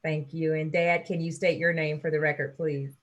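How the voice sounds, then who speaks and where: A woman presiding as judge, her low, steady voice captured on a courtroom hearing recording made over a video call. She speaks in a measured, formal way, calling each person in turn to give their name for the record. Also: highs cut off.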